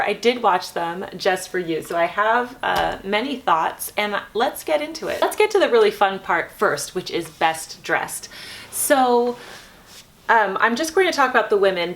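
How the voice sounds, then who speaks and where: A woman host chatting casually in a vlog, keeping her voice quiet at night as if someone is asleep nearby. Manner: keeping voice low at night so as not to wake a sleeping baby.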